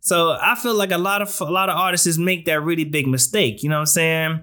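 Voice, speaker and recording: Male online host, high-pitched and bright, casual slangy advice chat. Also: brisk. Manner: informal slangy talk, often addressing listener with "you know". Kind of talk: casual chatty advice to viewers.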